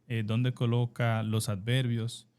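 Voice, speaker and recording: A man's voice: mid-range voice, little pitch movement, slow pace, darkish tone, clean tone. A man with a Dominican Spanish accent, co-hosting an educational podcast, agreeing and then adding his own points. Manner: agreeable, adds points after brief affirmations. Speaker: co-host.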